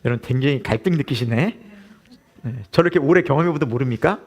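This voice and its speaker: A man's voice: mid-range voice, quick pace. A man in his forties preaching a sermon as pastor, telling a family story with laughter and asking the congregation questions.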